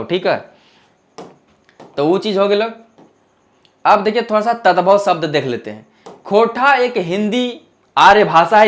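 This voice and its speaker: High-pitched man teaching. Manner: conversational, slips into local dialect for examples; checks in often with the class. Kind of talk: exam-prep lecture.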